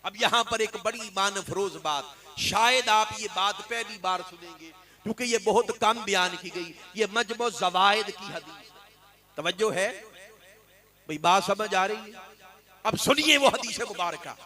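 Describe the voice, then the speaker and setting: A male preacher with a very high voice delivers an impassioned devotional sermon. His tone is sharp and bright, and he often swells into fervent, chant-like emphasis. He quizzes his listeners with questions and answers them himself. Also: unhurried. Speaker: Islamic scholar and preacher.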